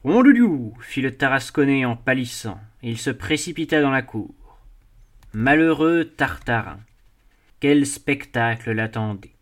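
A man narrating a classic novel as an audiobook with measured, expressive phrasing. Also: medium pitch. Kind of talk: literary audiobook reading.

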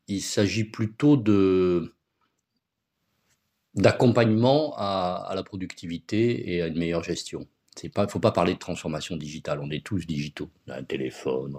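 A man's voice: low-pitched, a little mellow. A man being interviewed as a guest on a podcast, explaining things step by step with concrete examples. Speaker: guest, agency founder.

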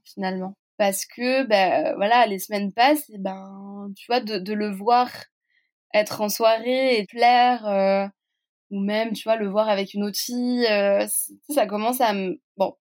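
A young woman from France tells a personal story as a podcast guest. She talks in a loose, chatty flow, full of fillers and asides to the listener, at an ordinary middle pitch. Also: darkish tone. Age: young adult. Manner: chatty, peppers speech with "tu vois" and fillers.

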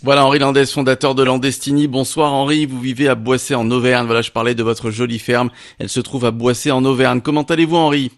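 A man hosting a radio interview in a studio, courteous and brisk as he introduces his weekly guest. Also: mid-range voice, flat delivery. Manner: smooth, courteous, brisk host patter. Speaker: radio host. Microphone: studio microphone.

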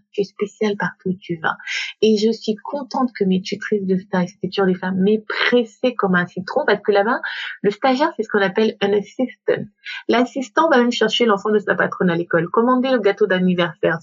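A woman from Gabon, a coach and guest, tells her story in a casual interview, animated and slipping into quoted voices and English phrases. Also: medium pitch, husky. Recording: dull lo-fi remote recording.

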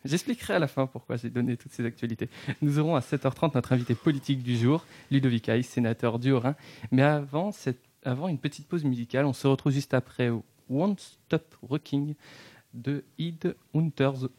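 A man hosting a casual morning radio show, playful and quick to laugh at his own slips. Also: mid-range voice, warm tone, dry recording. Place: radio studio. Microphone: studio microphone.

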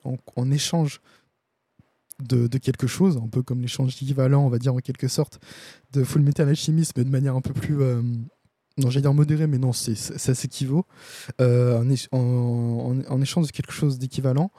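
A man talks through a casual stream review, pausing on fillers and restarting his sentences. His voice is very dark and mellow, at a middling pitch. The sound is dry and close. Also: fairly even intonation, no echo. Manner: hesitant, many fillers and restarts. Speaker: host of a comics review stream.

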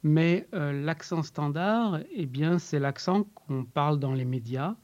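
A man working as an accent coach, explaining in an interview in a measured way with frequent hesitations. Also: a little high, a little mellow, muffled recording.

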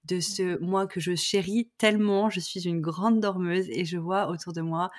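A woman's voice: fairly low pitch, steady tone, normal speed. A woman hosting a podcast, reading a scripted intro and then asking questions enthusiastically with many fillers. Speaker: podcast host.

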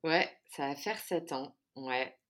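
In a low but fairly bright voice, speaking slowly, a woman in her thirties from France talks casually as a podcast guest. She's hesitant, pausing often and filling gaps with fillers and restarts.

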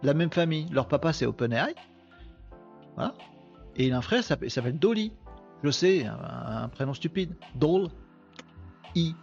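Hosting a laid-back live-stream podcast, a man with hints of a ch'ti (Picard) accent banters with his chat viewers and teases himself. His slightly high voice is very animated yet gravelly and a little mellow, at a moderate pace with long pauses. The recording is muffled, with soft music in the background.

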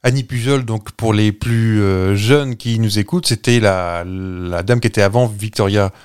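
A man's voice: on the low side, moderate pace, darkish tone, smooth. Hesitant man teasing quiz hints. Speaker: podcast host running a quiz. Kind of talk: casual chat, guessing game.

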